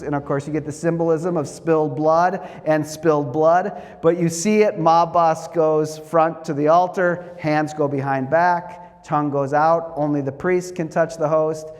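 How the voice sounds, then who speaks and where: Middle-aged guy giving a talk, funny storyteller, kinda high voice, big echoey church hall. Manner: animated, wry storyteller. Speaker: guest lecturer. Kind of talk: storytelling lecture. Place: church sanctuary. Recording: long reverb of a church hall.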